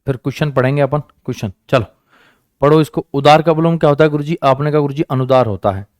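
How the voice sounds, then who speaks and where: A man's voice: a little high, fast, darkish tone, no echo, clean studio sound. Coaxing man teaching an exam-prep class. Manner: coaxing, repeats questions and answers, calls students "beta" and "dost". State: sore hand, says it hurts.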